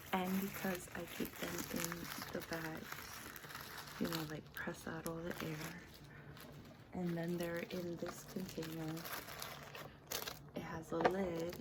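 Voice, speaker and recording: A woman doing an intimate, halting ASMR ramble, soft-spoken and often whispering, close to the mic. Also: on the low side, creaky. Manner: slow, halting, intimate personal-attention talk. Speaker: ASMR host. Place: small dim room indoors. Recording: noisy room, crinkling bags. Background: crinkling and rustling bags, noise.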